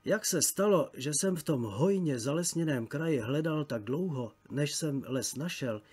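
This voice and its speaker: A man reading a travel story aloud as an audiobook narrator, measured and literary. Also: a little high, animated, a little mellow, slightly rough.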